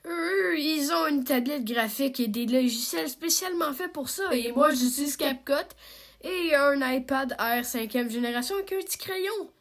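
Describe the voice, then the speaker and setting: A young woman with a Québécois French accent talks casually about her cartoon as an amateur animator, narrating herself and wrapping up with an outro. Her high voice has lively intonation and a moderate pace, and she uses many fillers and self-deprecating asides.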